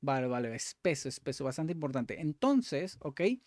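A man hosts a language-learning video, thinking aloud and correcting himself as he works through exercises, often saying "vale?" and "ok." His voice is medium-pitched with a darkish tone, and he speaks at normal speed in a very animated way.

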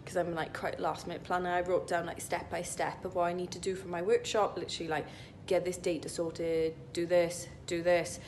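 A young adult woman, a vlogger who is also an IT consultant, holds her phone at arm's length in an indoor gym locker room and rambles chattily, saying "like" constantly. Her slightly mellow voice sits on the low side and stays level, moving fairly quickly with hardly any pauses over slight background noise.

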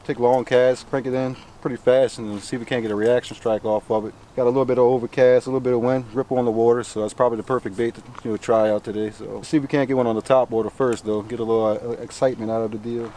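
A man's voice: medium pitch, level tone, fast, few pauses, warm tone, a little hiss or hum, rough recording. A middle-aged man, a fishing guide, explaining lure tricks in an easygoing, folksy way while fishing on a bayou bank. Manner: easygoing, folksy, explains step by step, calls people cuz and brother. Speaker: fishing guide and guest angler. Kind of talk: casual how-to talk while fishing. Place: outdoors on a wooded bayou bank. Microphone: camera mic from a few feet away.

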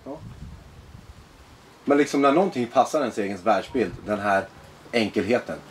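A man being interviewed as a guest, talking in a blunt, animated, profane way. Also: fairly low pitch, slight background noise. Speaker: guest, former extremist. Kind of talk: personal interview conversation.

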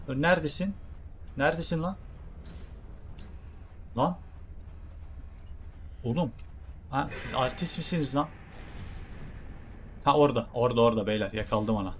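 A young man with a Turkish accent doing excitable, jokey game commentary and talking to his viewers. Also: mid-range voice, a little hiss or hum. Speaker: gaming streamer.

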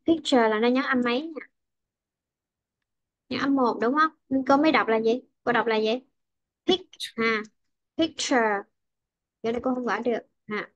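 A woman's voice: fairly high pitch, no echo, lo-fi sound. A woman English teacher with a Vietnamese accent, patiently explaining word and sentence stress in an online lesson.

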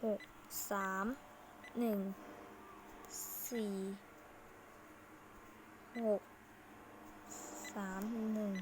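A woman hosts a game playthrough with casual commentary, speaking very slowly and leaving long pauses. The home recording is clearly noisy.

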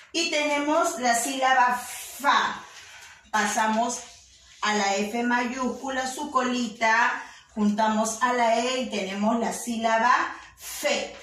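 A high-voiced woman from Peru teaches small children with a slow, patient, step-by-step delivery. Her voice sounds distant from the mic and rings in a very echoey room, with faint noise behind her. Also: a bit bright. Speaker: kindergarten teacher. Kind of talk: children's writing lesson.

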